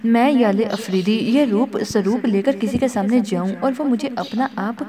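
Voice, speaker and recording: Woman doing a pleading lovesick young woman, high voice, audiobook, crowd noise behind. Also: natural voice. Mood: anguished. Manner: pleading, emotional.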